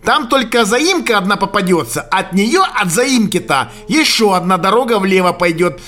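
A man reading an audiobook and voicing a gruff, scolding old Siberian hunter who speaks in loud, folksy exclamations. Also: high voice, expressive, normal speed, soft background music, pitched above the performer's own voice. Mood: scheming.

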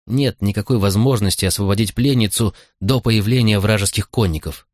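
A man narrating a novel as an audiobook, with steady, dramatic storytelling. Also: on the low side, brisk, dry recording, studio quality.

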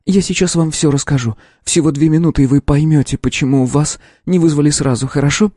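Young woman lab scientist, tense and earnest, played by a man; mellow, dry audiobook read. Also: on the high side, fairly quick, dry recording, natural voice.

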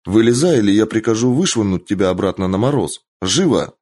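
A man's voice: lowish voice, animated, brisk, no echo. Man doing a stern, exasperated young princess. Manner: commanding, sharp, exasperated.

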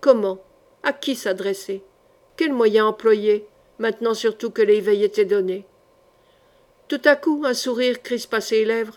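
A woman reading a historical novel aloud as an audiobook, with measured, expressive narration. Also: fairly high pitch. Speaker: audiobook reader.

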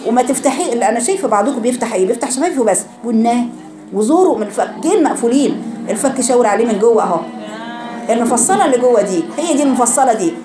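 A woman's voice: a little high, lively intonation, very fast, roomy sound, music in the background. A woman teaching Quran recitation rules to a class of girls, speaking with an Egyptian Arabic accent and drawing out syllables as she drills pronunciation. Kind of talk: classroom tajweed lesson.

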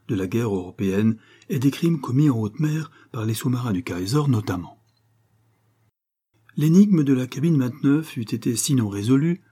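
A man reading a novel aloud as narrator, in a measured, steady storytelling manner. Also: lowish voice, breathy edge.

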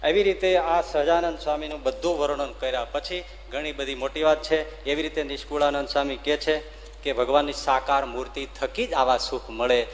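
Gujarati swami preaching in an echoing hall. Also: male voice, mid-range voice, a little hiss or hum. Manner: lively storyteller, rising loud for drama and slowing to chant verses. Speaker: swami giving a religious discourse. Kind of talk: devotional storytelling sermon.

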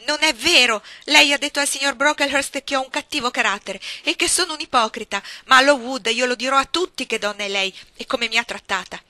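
Fiery young girl bursting out in outrage, high and piercing , voiced by a woman reader, storybook reading. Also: fairly even intonation, normal speed, few pauses, sharp tone, dry recording. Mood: defiant. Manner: passionate, outraged outbursts. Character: defiant young girl, angry and trembling.

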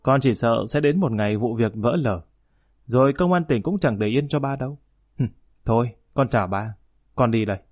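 A sulky grown son talks back quickly and defiantly, as a male audiobook narrator reads him. His voice sits at a middle pitch. The recording is close and dry. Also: a little mellow, no room sound, lightly acted. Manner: defiant, rapid, whining.

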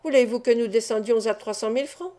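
A woman's voice: a little high, quick pace, dark tone, lightly acted. A woman voicing a stern male investigating judge in an audiobook, questioning coldly and severely.

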